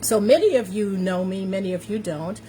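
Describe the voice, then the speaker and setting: A woman's voice: mid-range voice, moderate pace. American lady in her 50s chatting live to viewers, upbeat n emphatic, bit of fan noise in the background. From New York City, United States. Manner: upbeat, emphatic, repeats phrases. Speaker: live stream host, confidence coach. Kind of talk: casual livestream chat to viewers. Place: warm room indoors. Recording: steady fan noise behind voice.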